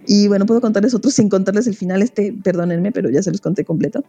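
On a podcast, a Mexican woman who is a guest expert on children's reading chats casually about children's books, animatedly retelling their stories and acting out the characters. She has a mid-range voice and a quick pace, and the recording's highs are cut off.

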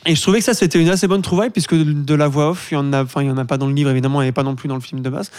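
A man's voice: a little high, fairly even intonation, very fast, a little mellow, clear, resonant tone, dry recording, studio quality. A man talking through a film review in a casual discussion, opinionated and rambling. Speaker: film critic.

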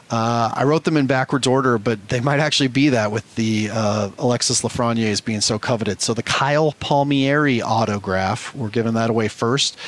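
A man's voice: medium pitch, fairly bright tone. A man hosting a live show, reading out giveaway winners with an upbeat manner and drawing out names like an announcer. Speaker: show host.

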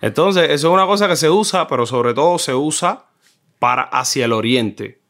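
A middle-aged man with a Cuban Spanish accent, a film director chatting as a guest and telling animated stories, often mimicking how people in other regions talk. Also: on the high side, normal speed. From Cuba. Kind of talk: casual conversation.

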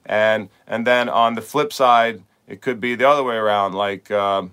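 A man's voice: fairly low pitch, fairly even intonation, moderate pace, a bit bright, clean tone. A middle-aged man, a tennis coach hosting a podcast, talking in a casual, rambling monologue full of repeated words and "like.".

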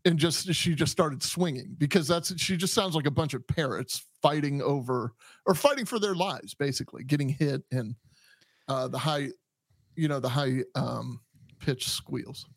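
A man hosts a casual podcast, joking about a clip in halting bursts with frequent restarts. His voice sits a little high for a man, and the recording is dry and close. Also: slightly rough, no room sound. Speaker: podcast host, police officer.

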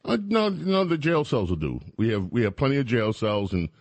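A man hosts a talk radio show from a studio, chatting with guests in a sarcastic, mocking way. His medium-pitched voice is brisk and sing-song, captured dry with a studio microphone.

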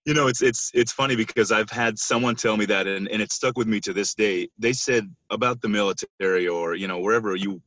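Low-voiced sleep-deprived man from Israel. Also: fairly quick, few pauses, fairly bright tone, no echo, rough recording. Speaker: basketball coach, guest. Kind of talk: casual interview.

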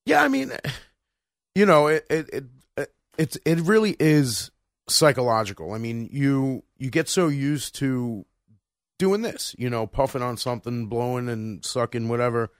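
A man's voice: medium pitch, expressive, moderate pace, no echo, clean studio sound. A man in his thirties co-hosting a podcast in casual chat, rambling with many restarts and fillers. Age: 30s. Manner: rambling, full of restarts and "you know". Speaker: podcast co-host.

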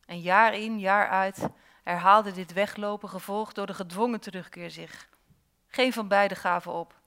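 Woman storyteller, mid-range voice, reads her own tale with dramatic pauses. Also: medium pitch, smooth. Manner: expressive, slow dramatic pauses. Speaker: storyteller and author. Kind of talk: reading her own fairy tale aloud.

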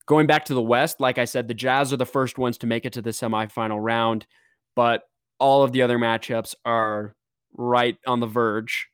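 Excitable man hosting a sports chat. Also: medium pitch, clean tone, no echo, clean studio sound. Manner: excitable, quick to joke. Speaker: podcast host.

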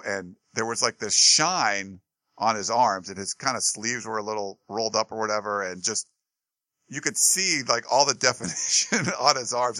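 A man's voice: mid-range voice, pushed and bright, no echo. A man co-hosting a sports talk show, chatting casually and rambling with lots of fillers and restarts.

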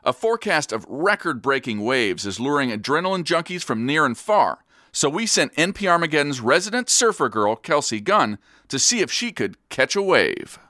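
An actor playing a straight-faced, polished news anchor on a parody post-apocalyptic radio newscast. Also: male voice, on the high side, big pitch swings, moderate pace, sharp tone, dry recording, studio quality. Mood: deadpan, brisk.

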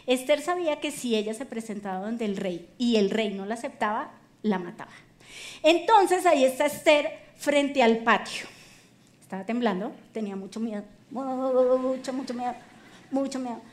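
A woman pastor preaches with a high, bright voice, retelling the story in a lively, playful way. Her delivery is colloquial and full of humor, shifting between a hushed hold and emphatic punches. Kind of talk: sermon.

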